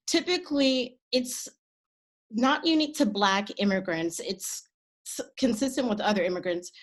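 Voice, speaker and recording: A woman from the Maryland and D.C. area, a panelist explaining a map in a steady, informative way. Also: mid-range voice. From Maryland and D.C. area, United States. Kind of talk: panel discussion presenting a map.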